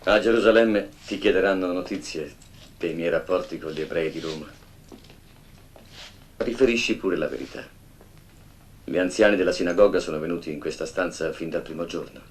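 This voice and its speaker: An actor playing an imprisoned male apostle, speaking in a measured, grave, softly admonishing way in a film drama scene. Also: sits low, slight background noise. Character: imprisoned male apostle, calm elder teacher.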